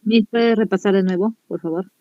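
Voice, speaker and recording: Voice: mid-range voice, steady tone, a little fast, warm tone, a little hiss or hum. Hesitant student on a dull line. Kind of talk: question in class.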